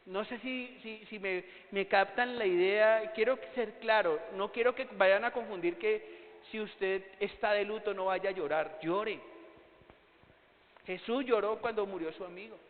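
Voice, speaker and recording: Pastor guy preaching, high voice, tinny phone-line sound, asks the church questions then answers them. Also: unhurried. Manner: asks the congregation rhetorical questions. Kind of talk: sermon. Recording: tinny phone-like sound in a long-reverb hall.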